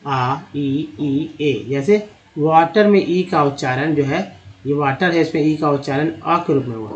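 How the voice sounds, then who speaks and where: Man, teacher, fairly high voice, slow word-by-word pronunciation drills, dull lo-fi sound. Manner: slow, drawn-out spelling and sounding out of words; explains with repeated patterns and direct address to viewers. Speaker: English teacher. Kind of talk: spoken language lesson.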